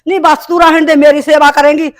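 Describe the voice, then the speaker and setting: Speaking fast in a high, natural voice with little pitch movement, an actress takes the role of a harsh stepmother, a middle-aged village woman, in a village short film. Her scolding Punjabi is nagging and sharp-tongued, with a Punjabi accent.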